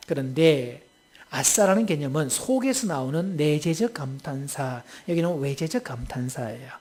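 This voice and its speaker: A male preacher with a notably high voice delivers a humorous sermon. He keeps the audience involved, throwing questions at them in a playful, teasing way.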